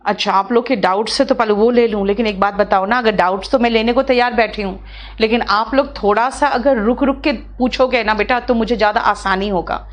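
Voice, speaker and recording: A woman with an Indian accent teaching English in Hindi in a live online class, patient with students, reading example sentences slowly. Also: a little high, lo-fi sound.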